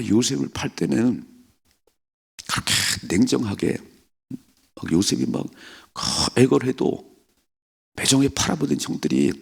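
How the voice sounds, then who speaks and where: Gravelly, husky-voiced male pastor preaching. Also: mid-range voice. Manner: animated, acts out quoted speakers; asks the congregation rhetorical questions. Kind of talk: dawn prayer sermon.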